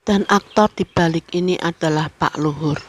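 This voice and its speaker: A woman reading a horror story aloud as narrator, in measured storytelling. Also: low-pitched.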